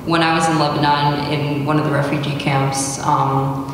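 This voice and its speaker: A woman's voice: low voice, flat delivery, moderate pace, a little hiss or hum. A young woman at an open mic, speaking hesitantly with many fillers before reading a poem at a podium. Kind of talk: spoken word poetry reading. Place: large indoor hall, at a podium. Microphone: stand mic at podium, recorded by far camera. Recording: echoey hall recorded from far off.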